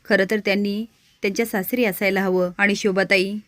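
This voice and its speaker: A long-suffering young daughter-in-law who answers back calmly but firmly, a shade lower and steady, as a woman narrator puts her on. The sound is dry and close. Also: brisk, no echo, natural voice. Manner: calm, steady, firm.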